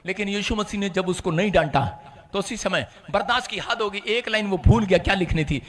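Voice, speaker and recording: Male preacher, very high and bright, animated sermon, shouts then hushes. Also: fairly quick. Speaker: pastor.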